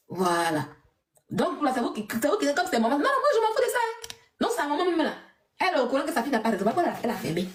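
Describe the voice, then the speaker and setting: Woman, high voice, defiant livestream rant, mocking laughs, echoey room. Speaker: social media personality.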